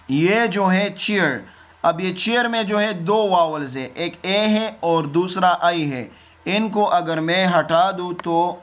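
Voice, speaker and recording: A man's voice: on the high side, fairly bright tone. A man teaching a beginners' lesson, explaining step by step and answering his own questions. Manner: asks questions and answers them himself, repeats key words. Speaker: English teacher. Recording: dull lo-fi recording.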